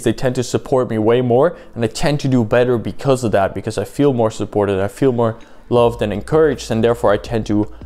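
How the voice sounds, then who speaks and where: A man's voice: mid-range voice, a little mellow. A man hosting a casual solo podcast, rambling with many fillers and asking the listener rhetorical questions, a little sleepy. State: sleepy, yawning at times. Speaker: podcast host.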